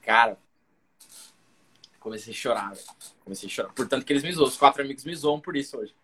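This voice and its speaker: A man's voice: mid-range voice, lively intonation, quick pace, bright, forceful tone, slight background noise. A young man from Cuiabá, a guest comedian, telling a long story in casual slang and acting out the other people in it. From Cuiabá, Brazil.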